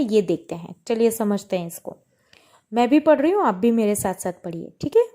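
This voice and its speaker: A woman's voice: a little high, a little mellow. A woman teacher explaining a textbook lesson, patiently reading example sentences aloud with stress on different words. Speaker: Hindi teacher.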